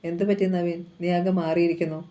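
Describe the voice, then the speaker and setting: A reader voicing a sorrowful young woman who was to become a nun, speaking softly in a flat, dark tone. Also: mid-range voice, quick pace, natural voice.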